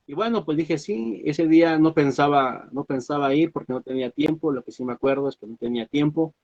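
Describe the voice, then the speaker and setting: A man, a pastor, telling a personal story, halting with fillers and restarts. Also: a little high, fairly even intonation, a little mellow, lo-fi sound. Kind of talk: sermon testimony.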